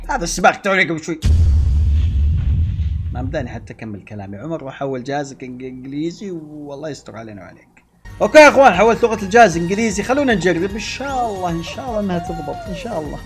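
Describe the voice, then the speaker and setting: A young man narrates a console game from home for his channel, excitable and quick to yell at other players. He talks straight to his viewers, and faint game music plays behind him. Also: a little high. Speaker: gaming channel host. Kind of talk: live gameplay commentary.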